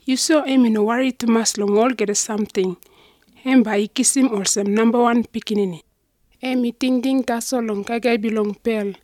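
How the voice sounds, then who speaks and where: A woman's voice: on the high side, fairly even intonation, normal speed, a little mellow, dry recording. A woman narrates a scripted picture-book Bible story in a simple, instructive storytelling way.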